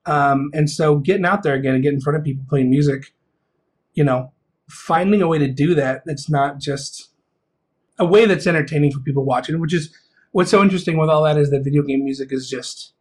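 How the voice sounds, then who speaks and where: This thirties-aged man, who composes music for video games, speaks a little high and a little fast with a breathy edge. In a casual interview he gets excitable and wanders, filling gaps and starting over often.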